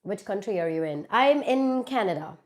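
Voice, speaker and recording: This Indian woman, congested from a cold, streams a live Q&A from her phone and chats casually, reading viewer comments aloud before answering. Her medium-pitched voice is expressive and a little mellow, at a moderate pace.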